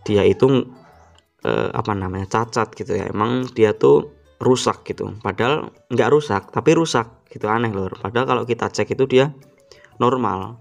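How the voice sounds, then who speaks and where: A man with a low, gravelly voice talks through an electronics repair tip in a loose, casual way. He repeats himself, uses plenty of fillers and often clears his throat. Faint music plays underneath. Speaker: electronics hobbyist channel host. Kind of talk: casual how-to talk to camera.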